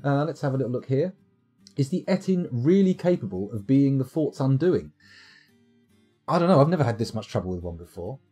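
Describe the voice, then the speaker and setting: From his desk, a man offers casual livestream commentary on a strategy game, talking a little fast with a husky, faintly breathy voice whose pitch bounces around lively. He's wry and chatty, reading game reports aloud, while soft guitar drifts faintly behind him.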